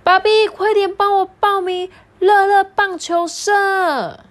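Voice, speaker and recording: A woman voicing a cheeky, talkative little schoolboy in a high, whiny, pleading voice for a read-aloud children's story. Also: fairly even intonation, slow.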